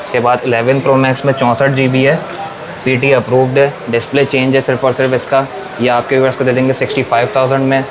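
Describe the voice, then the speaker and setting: A man with a Pakistani accent working as a phone seller, giving a repetitive sales pitch that lists models and prices. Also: flat delivery, fast talker. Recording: noisy room with clear background noise.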